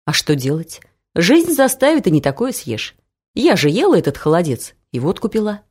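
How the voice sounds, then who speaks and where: A woman reading the lines of a timid, squeaky young mother in an audiobook story. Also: very animated, moderate pace, darkish tone, breathy edge. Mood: plaintive. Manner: squeaky, meek yet stubborn.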